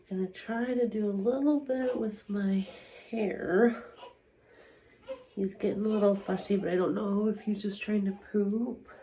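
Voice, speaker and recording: A tired young woman, a new mother with a cold, talking candidly and softly in a casual home vlog. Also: mid-range voice, slight background noise. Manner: tired, candid, soft-spoken. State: stuffy from a cold. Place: home, indoors.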